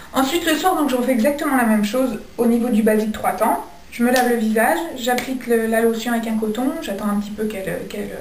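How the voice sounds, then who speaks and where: A woman's voice: a little high, darkish tone, a little hiss or hum. A young woman casually reviewing her skincare products, chatty and full of hesitations. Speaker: beauty vlogger. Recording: echoey room, mic at a distance.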